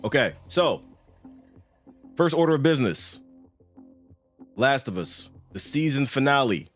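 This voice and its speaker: Unhurried and lively in intonation, a man with a medium-pitched voice hosts a casual livestream podcast. He chats in joking, profane banter while background music plays behind him.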